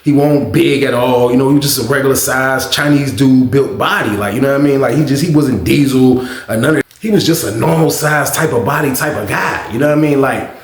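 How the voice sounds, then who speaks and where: A man spinning a long, rambling story for his viewers, filling his sentences with little checks on whether they follow. His voice sits at an ordinary pitch. The room adds a noticeable echo. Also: brisk, hardly any pauses. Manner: rambling, frequent filler phrases. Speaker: vlogger. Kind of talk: casual storytelling.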